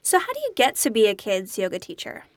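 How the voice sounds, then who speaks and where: A woman's voice: medium pitch, wildly swooping pitch, fast. A woman hosting a podcast in a chatty, upbeat way, often laughing as she talks. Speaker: podcast host. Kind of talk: casual podcast chat.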